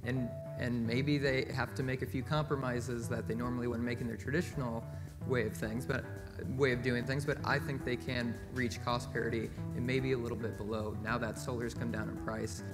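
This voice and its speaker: A young man, a former ratepayer advocate, explaining his view in a measured way during an onstage panel debate, correcting himself now and then. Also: mid-range voice, level tone. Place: conference stage, seated in an armchair. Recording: reverberant hall audio with music.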